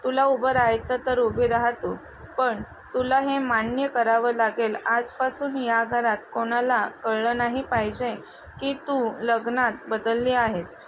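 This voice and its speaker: A woman voicing a stern adult male police officer, speaking firmly and in a measured way. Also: fairly high pitch, steady tone, natural voice, poor audio. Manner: firm, measured. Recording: noticeable background noise.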